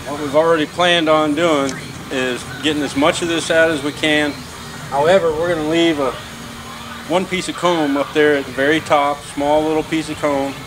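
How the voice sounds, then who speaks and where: A man, a beekeeper casually explaining a bee removal outdoors in a relaxed, plain-spoken way with many fillers. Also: a little high. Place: outdoors beside a house wall. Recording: outdoor noise in the background.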